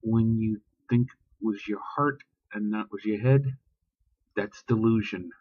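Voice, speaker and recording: A man's voice: fairly low pitch, slow, dry recording, narrow, tinny audio. A man ranting bluntly and profanely in a casual vlog, talking about religion with heat. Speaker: vlogger. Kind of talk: casual spoken rant.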